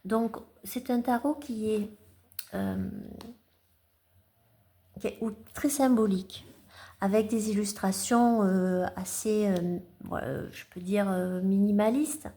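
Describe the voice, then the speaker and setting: A woman's voice: medium pitch, slow, mellow. A woman chatting at home in a casual vlog, showing her tarot cards, hesitant with many fillers and restarts. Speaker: tarot collector vlogger. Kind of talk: casual show-and-tell vlog.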